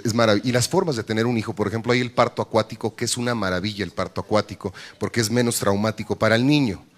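A man's voice: steady tone, fast. Brash Mexican man doing stand-up. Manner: brash, bawdy, jumps into shrill high-pitched voices for punchlines. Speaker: stand-up comedian. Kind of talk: stand-up comedy routine. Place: comedy club stage. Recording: live stage with audience crowd and noise.

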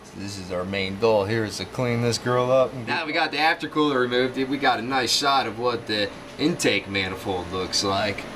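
Plain-spoken mechanic in an echoey engine room. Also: male voice, mid-range voice, moderate pace, few pauses. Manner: plain-spoken, hands-on walkthrough. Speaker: marine mechanic showing his work. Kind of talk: casual how-to explanation. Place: yacht engine room, indoors. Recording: echoey engine room, distant from mic, steady machine hum.

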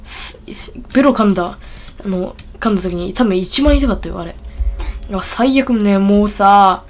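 A woman hosting a casual gameplay video, rambling and excitable with blunt, rough speech, talking a little thickly from a bitten tongue. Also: medium pitch, moderate pace, faint music behind. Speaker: gaming video host.

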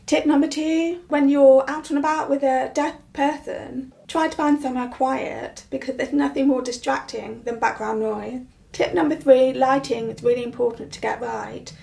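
40s woman blogger talking slow and clear, kinda high voice w some fry. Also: steady tone, dark tone. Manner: clear, deliberate speech with tips. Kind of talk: scripted presentation.

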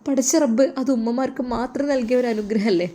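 A woman's voice: on the high side, fairly quick, mellow, close to an everyday voice. A woman voicing a grieving adult man, an abandoned father who is crying, with a sorrowful, pleading manner in a storybook. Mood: reproachful. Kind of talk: storybook narration.

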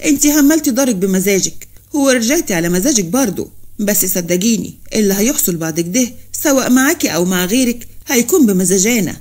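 A woman's voice: medium pitch, animated, fast, darkish tone, close to an everyday voice. A woman voicing a stern, proud young husband who gives curt commands in an Upper Egyptian accent. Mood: commanding.

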